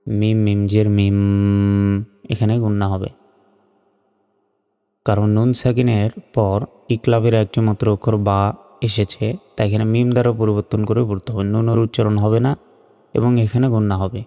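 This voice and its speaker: A man teaching Quran reading, spelling out each letter and vowel slowly and reciting the verses in a drawn-out chant. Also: lowish voice, flat delivery, dark tone, in a large hall.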